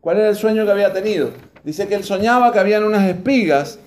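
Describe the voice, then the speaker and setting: A man past his mid-forties preaching from the pulpit, his voice sitting a little high for a man. He reads passages aloud and keeps turning to the congregation with questions. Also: fast, a little mellow. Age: over 44. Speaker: pastor. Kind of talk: sermon.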